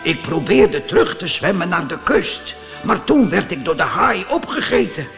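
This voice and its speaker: A man voicing an old male woodcarver, a gentle father, in a storybook reading. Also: sits high, sing-song, normal speed, vocal fry, long reverb tail, faint music behind, pitched above the performer's own voice, heavily acted. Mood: tender.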